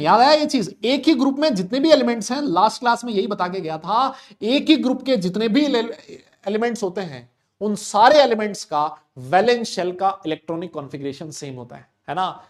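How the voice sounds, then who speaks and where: Guy teaching chem online, kinda high voice, real loud, keeps asking the class stuff back. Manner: loud, talks to students, voices their questions back. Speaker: chemistry teacher. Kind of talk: live online class lecture. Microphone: desk mic with level meter.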